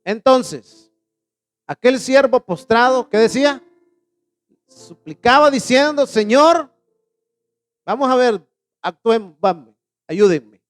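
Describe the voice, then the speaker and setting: A male pastor preaching a sermon in a church, asking the congregation questions and answering them, reading scripture slowly with emphasis. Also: very high-pitched, animated, soft background music.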